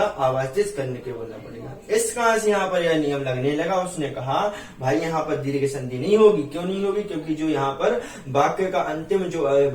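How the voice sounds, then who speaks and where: A man with a fairly high voice gives a grammar lesson, asking questions and answering them himself. He chants rules slowly. He sounds echoey and set back from the mic. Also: far from the mic. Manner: asks and answers his own questions. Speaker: Sanskrit grammar teacher. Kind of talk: classroom lecture.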